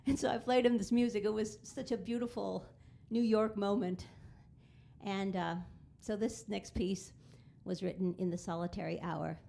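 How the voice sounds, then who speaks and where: A middle-aged woman talks between pieces of her live concert, telling a story in a chatty, animated way. Her voice is mellow and warm, with a gravelly edge of fry. She speaks at an ordinary pitch for a woman. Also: moderate pace. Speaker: pianist and composer.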